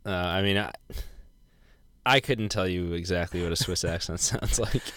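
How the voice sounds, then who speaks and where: Smooth, low-voiced inquisitive man. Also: moderate pace, a bit bright, no echo, studio quality. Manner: inquisitive, laughs easily. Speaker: podcast co-host. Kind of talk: casual recap chat.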